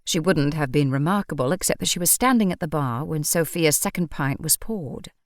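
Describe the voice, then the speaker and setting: A woman voicing a calm, dryly ironic male vampire in an audiobook. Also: low voice, a little fast, no room sound. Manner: deadpan, dry irony.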